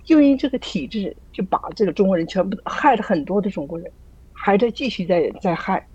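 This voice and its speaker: A woman's voice: mid-range voice, lively intonation, fairly quick, a little mellow, breathy edge, no room sound, lo-fi sound. A woman sharing her views in a casual group call, earnest and full of rhetorical questions, often restarting her sentences. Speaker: church group member sharing.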